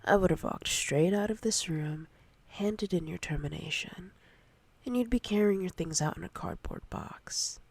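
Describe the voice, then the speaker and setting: Playing a teasing, domineering boss in whispered ASMR, a woman speaks with deliberate, seductive command in a breathy, husky voice on the low side. The mood is stern and controlling.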